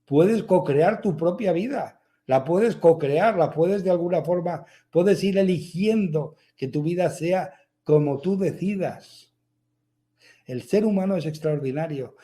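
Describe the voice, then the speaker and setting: A man with a fairly high-pitched, warm voice gives a motivational spiritual talk. The spiritual speaker repeats his points emphatically and poses rhetorical questions.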